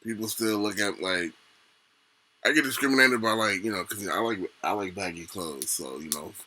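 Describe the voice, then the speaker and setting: A man's voice: lowish voice, a little fast, pushed and bright, rough recording. A man co-hosting a podcast who talks in a laid-back, slangy way and laughs easily. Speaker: podcast co-host. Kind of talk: casual chat.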